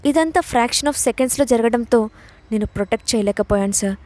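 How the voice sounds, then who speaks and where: A flustered young male bodyguard, hurried and apologetic, as a woman storyteller voices him. The voice is pitched a touch lower than her own, in a dry, close sound. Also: a little mellow, no room sound, natural voice.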